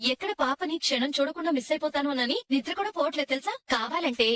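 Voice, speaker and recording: A woman's voice: high voice, lively intonation, fast talker, fairly bright tone, dry recording, studio quality. A woman playing a doting new mother who speaks affectionately about her baby. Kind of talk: Telugu TV serial acting.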